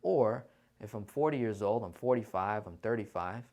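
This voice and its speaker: Hosting a casual livestream finance Q&A, this man speaks at a normal pace with a fairly low, expressive and slightly mellow voice. He's conversational and persuasive, often checking in with listeners using "right?" and "okay?"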